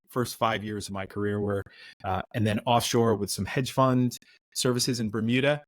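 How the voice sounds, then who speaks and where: With no room sound in the clip, a fairly low-pitched middle-aged American man shares tales from his career as a podcast guest. He's a relaxed storyteller in a casual interview, often starting his sentences over.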